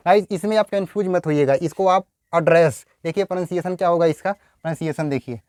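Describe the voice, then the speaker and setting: A man's voice: sits high, fast, a little mellow, clear, resonant tone, no room sound, clean studio sound. A man teaching English grammar in Hindi, repeating words and asking his students rhetorical questions. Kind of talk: Hindi-language grammar lesson.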